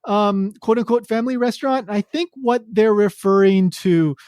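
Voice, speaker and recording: A man's voice: sits high, normal speed, a little mellow, dry recording, clean studio sound. A man hosting a podcast, talking casually and rambling with many fillers and restarts. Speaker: podcast host.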